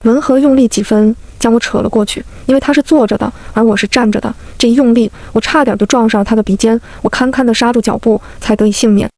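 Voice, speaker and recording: A woman narrating a first-person romance web novel aloud, lively and voicing each character. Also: fairly high pitch, quick pace, hardly any pauses, dry recording. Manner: lively storytelling, plays all the characters.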